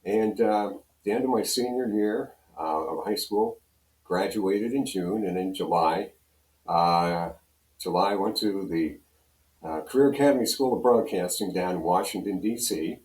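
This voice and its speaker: Deep and darkish in tone, an older American guest from Pennsylvania speaks at a measured pace. A radio program director, he tells casual, folksy stories with a self-deprecating streak. The recording carries a roomy echo, with the mic placed well away from him.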